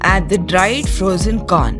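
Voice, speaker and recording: A woman from India, reading calm, step-by-step recipe instructions in a scripted voice-over. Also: on the low side, takes it slowly. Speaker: cooking channel host. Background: clear background music.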